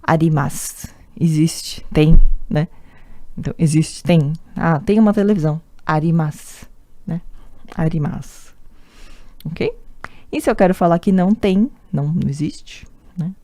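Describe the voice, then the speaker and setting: A woman's voice: deep voice, measured pace, pauses often, mellow, no room sound. A woman with a Brazilian Portuguese accent teaching an online language lesson, patient and repetitive, often checking in with the listener. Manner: patient, repeats words often, tag questions. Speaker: Japanese teacher.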